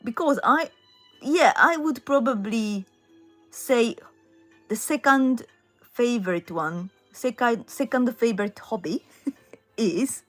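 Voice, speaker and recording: A woman's voice: a little high, takes it slowly, pauses often, soft background music. A middle-aged woman from Japan with a Japanese accent hosts a casual livestream chat from home, reading out viewer comments and answering them. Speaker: livestream host and singer. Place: home in London.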